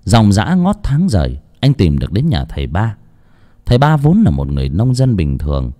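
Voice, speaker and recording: A man narrating a dramatic audiobook with expressive storytelling. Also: fairly low pitch, normal speed.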